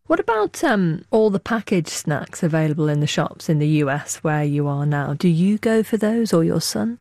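Low-voiced woman radio presenter. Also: sing-song, moderate pace, a little mellow, no echo, clean studio sound. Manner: crisp, scripted links and questions. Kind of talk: broadcast presenting.

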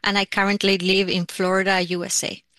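A woman's voice: medium pitch, level tone, brisk, fairly bright tone, no echo. A woman from Argentina, answering interview questions in a casual, lightly humorous way. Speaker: listener interviewee.

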